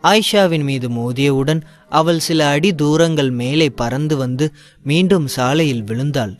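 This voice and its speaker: A man giving scripted narration of a dramatic audio story in a steady storytelling voice. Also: a little high, unhurried.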